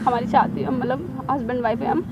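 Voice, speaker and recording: A woman's voice: sits high, steady tone, moderate pace. A woman playing an angry wife in a staged street skit, scolding and accusing over and over, outdoors by a street. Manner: accusing, scolding, repeats herself insistently.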